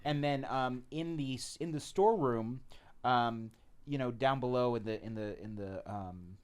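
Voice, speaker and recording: A man running a tabletop game as game master, explaining in a halting way full of fillers. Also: medium pitch, clear, resonant tone.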